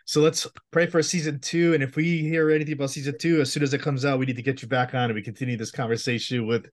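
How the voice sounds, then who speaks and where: A man's voice: medium pitch, fairly even intonation, quick pace. A man hosting a podcast interview, enthusiastic and agreeable in casual chat. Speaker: podcast host.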